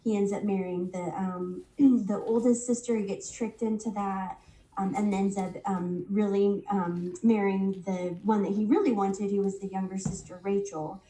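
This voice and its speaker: A woman recovering from a head cold teaches a Bible study in an unhurried, halting way, full of ums and restarts. Her medium-pitched voice is mellow, dark and steady. Sitting far from the mic, she's caught in reverberant room sound, and the audio is poor.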